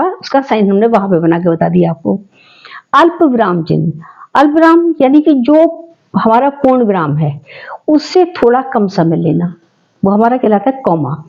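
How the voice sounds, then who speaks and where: A woman teaches a grammar lesson in a fairly high voice. She explains step by step and asks questions, then answers them herself. Her tone is mellow and the recording sounds dull and lo-fi.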